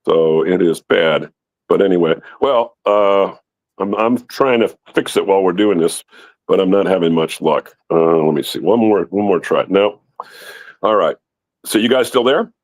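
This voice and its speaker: A man's voice: low voice, moderate pace, no room sound. An older man telling a rambling story as a guest, his voice breaking up over a bad phone connection while he apologizes.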